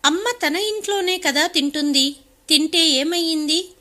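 A woman voicing an angry young married woman who confronts her family, indignant and sharp. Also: very high voice, normal speed.

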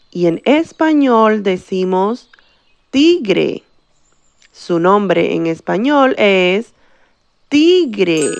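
Slow, lively woman teaching kids. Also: mid-range voice. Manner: slow, drawn-out words for repetition. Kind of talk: bilingual children's vocabulary lesson.

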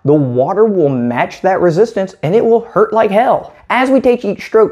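Paddling coach, man in his 30s, mellow tone, methodical demo, small room. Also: high-pitched. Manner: clear, methodical explaining while demonstrating strokes. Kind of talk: instructional demonstration.

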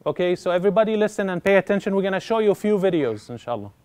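A religious lecturer speaking to a seminar crowd in a high, bright-sounding man's voice. He swings his pitch up and down with great animation, playing out the doubters he argues with. His delivery is expressive and conversational. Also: racing, a little hiss or hum. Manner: animated, mimics doubters in exaggerated tones. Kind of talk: live seminar talk. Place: seminar hall with audience.

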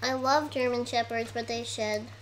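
A woman's voice: fairly high pitch, fairly even intonation, normal speed, a little hiss or hum, low-quality recording. A young woman chatting casually on a livestream, rambling and eating as she talks.

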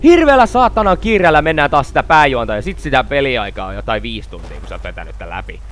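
A man giving excitable let's-play commentary, swearing constantly and yelling at the game. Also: mid-range voice, heavy background noise. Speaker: gaming video host.

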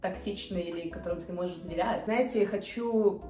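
A twenty-eight-year-old woman vlogger chats casually to the camera from her living room couch, gesturing with her hands as she talks. Her voice is fairly low, brisk and dark, and she hesitates a lot, filling pauses with fillers. The camera sits a few feet away, giving a roomy sound with faint music in the background.

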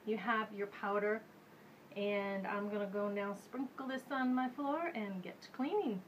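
Demonstrating a how-to in her home kitchen, this thirty-something host of a home witchcraft show speaks unhurriedly in a mid-range voice. The audio is poor, with slight background noise from a camera mic at medium distance, and she chats loosely, relaxed and thinking aloud with lots of fillers.

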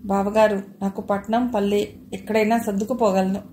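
A woman's voice: mid-range voice, little pitch movement, moderate pace, mellow, roomy sound, a little hiss or hum, close to an everyday voice. A woman voicing a playful, earnest young student sister in an audio novel.

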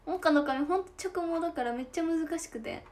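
A young woman from Kochi with a Tosa dialect accent, chatting casually on a livestream and reading comments with frequent giggles. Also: extremely high pitch. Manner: chatty and giggly, drawn-out soft endings. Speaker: idol livestream host.

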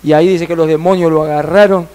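A male missionary preacher delivers a sermon as a vivid story. His voice sits high for a man. He jumps in and out of the characters as he tells it. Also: quick pace. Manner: animated, reenacting dialogue.

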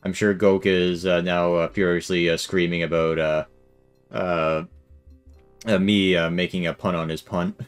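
A man's voice: deep voice, flat delivery, unhurried, clear, resonant tone, faint music behind. A man hosting a let's play, chatting casually, joking and full of "uh" fillers. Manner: joking, filler-heavy, laughing often. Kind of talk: casual gaming commentary.

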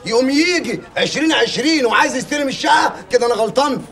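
A man's voice: extremely high pitch, lively intonation, racing, gravelly, a bit bright, heavily acted. An Egyptian actor playing Asaleya, a whiny, beaten-up brother who keeps pleading for his rights.

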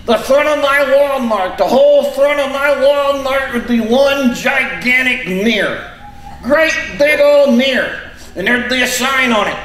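A squeaky ventriloquist dummy, an excitable folksy redneck who grumbles and exclaims. The voice is very high and drawls along slowly. It is a stage comedy act in an echoey theater with faint noise. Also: male voice. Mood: gleeful, brash. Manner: folksy, exclaiming, comically exasperated.

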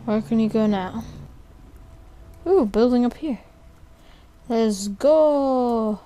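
A young woman commenting on a horror game as she plays, jumpy and sarcastic, thinking out loud. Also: fairly high pitch, takes it slowly. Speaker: gamer playing a horror game. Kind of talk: let's play commentary.

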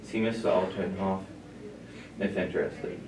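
A man reading morning school announcements as a student announcer in a steady, plain way, heard through a loudspeaker. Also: low voice, measured pace, roomy sound, distant mic, noisy background.

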